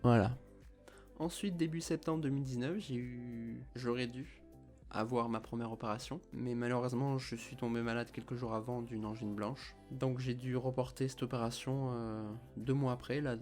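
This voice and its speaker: A man's voice: mid-range voice, fairly even intonation, normal speed, a little mellow. A man in his early twenties from France, with a French accent, explaining things in a personal vlog with a slight slushy lisp on his s sounds and slightly mumbled words. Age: early 20s. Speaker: vlogger telling of his own treatment. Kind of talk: explanatory vlog talk to camera. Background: music.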